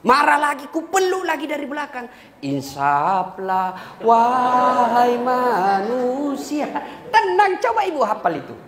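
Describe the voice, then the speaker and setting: Animated joking male preacher, echoey hall. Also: very high voice, fast, few pauses, a crowd in the background. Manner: lively, joking, breaks into song. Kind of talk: humorous sermon. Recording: echoey hall with faint ambience.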